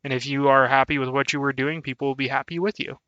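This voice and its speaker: A man's voice: medium pitch, steady tone, quick pace, sharp tone, no room sound, dull audio. A young man chatting casually on a live stream, laughing often and thanking his viewers. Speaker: VTuber streamer.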